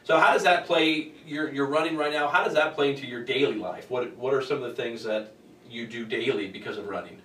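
A man's voice: medium pitch, fairly quick, pushed and bright, recorded from a distance, slight background noise. A man in his forties hosting an interview, chatty and rambling, full of "you know". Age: 40s. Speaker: interviewer, host. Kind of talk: conversational interview. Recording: echoey room, voice off-mic.

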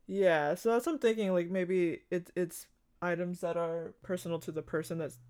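With a clean, darkish mid-range voice, fairly even intonation, and a moderate pace, this podcast co-host walks through an anime episode bit by bit in casual conversation. The plot narration is steady and full of "like" and "you know".

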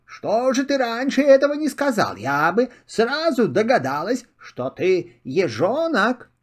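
A bossy, busy squirrel lady in a children's storybook, sharp and scolding in manner, as an older man puts her on. The delivery is slow and lively in pitch. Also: exaggerated voice. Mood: cross.

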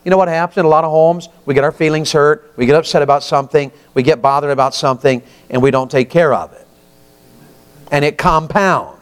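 Folksy male preacher, 50s, smooth and slightly high voice, keeps asking the pews questions. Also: fairly even intonation, fairly quick. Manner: folksy, asks the congregation questions often. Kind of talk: sermon.

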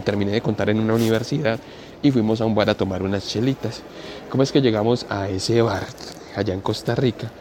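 A man tells a story in a loose, chatty way, full of local slang. He often stops to explain his expressions to listeners from other countries. His voice sits at an average pitch, with faint noise in the background. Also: a little mellow. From Colombia. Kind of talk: spoken storytelling.

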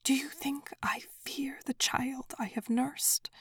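A woman voicing a desperate grieving old woman in a whispered role-play, breathy and pleading. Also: fairly even intonation, slow, fairly bright tone, dry recording, studio quality, heavily acted. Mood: frantic. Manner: urgent, pleading, rising high.

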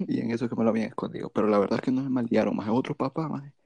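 A man's voice: mid-range voice, rapid-fire, creaky, a little mellow, slightly rough, no room sound. A young man telling a story in a laid-back, slangy way. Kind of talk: casual storytelling chat.

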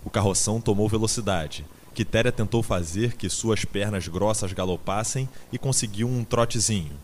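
A man narrating an audiobook in a measured, dramatic storytelling manner. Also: fairly low pitch, a little mellow, a little hiss or hum.

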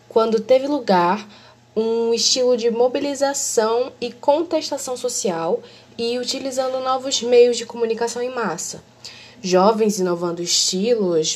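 A woman's voice: fairly high pitch, a little mellow, breathy edge. A woman hosts an educational explainer, reading a prepared text with small slips and self-corrections, her audio clipping and distorted. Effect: clipping, distorted blown-out audio. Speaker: host.

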